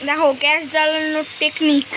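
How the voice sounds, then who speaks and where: A young woman, a little hoarse, chatting playfully to viewers about her mother's cooking in a home kitchen. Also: sits high, completely flat delivery, fairly quick, noisy background. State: hoarse throat. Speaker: daughter of the vlogger. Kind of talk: casual chat to viewers.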